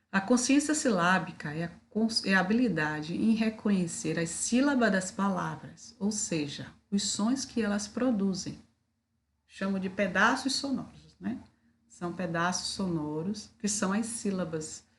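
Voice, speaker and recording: A woman teaching a recorded video lesson, speaking slowly and deliberately, with frequent fillers and rhetorical questions. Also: medium pitch.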